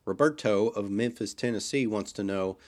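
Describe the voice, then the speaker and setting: A man's voice: on the low side, normal speed, darkish tone, close to an everyday voice. A man playing Mullet, a folksy wisecracking sidekick. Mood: teasing. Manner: folksy, teasing, swaggering. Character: brash wisecracking male hero sidekick. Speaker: podcast host.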